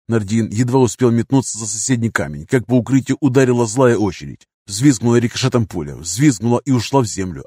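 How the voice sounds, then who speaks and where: A man's voice: on the low side, darkish tone, husky, no echo, clean studio sound. A man reading a first-person action audiobook in a tense, punchy way, throwing force into the dialogue. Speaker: audiobook narrator.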